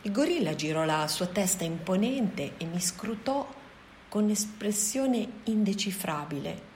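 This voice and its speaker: A woman giving a scripted audiobook narration of a novel in a soft, even reading voice. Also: mid-range voice, unhurried, slight background noise. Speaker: audiobook reader.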